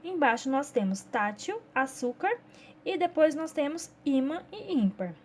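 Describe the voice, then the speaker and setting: Her high, slightly mellow voice is very animated yet measured in pace as this teacher with a Brazilian Portuguese accent works step by step through a children's workbook. She checks in often with the class, and there's a little hiss or hum on the recording.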